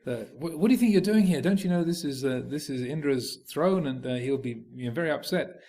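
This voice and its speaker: A man's voice: mid-range voice, fairly quick, close to an everyday voice. A man voicing a group of flustered palace attendants, agitated and pleading with their king. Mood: indignant.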